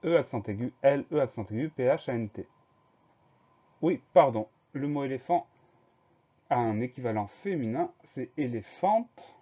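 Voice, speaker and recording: A man's voice: medium pitch, lively intonation, warm tone, highs cut off. Man patiently spelling out dictation words. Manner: slow, careful, spells words letter by letter. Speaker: teacher.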